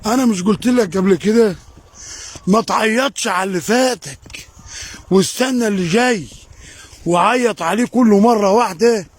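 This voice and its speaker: A husky, sarcastic scolding man. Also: sits high, moderate pace. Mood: mocking. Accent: Egyptian Arabic. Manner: sarcastic, lecturing.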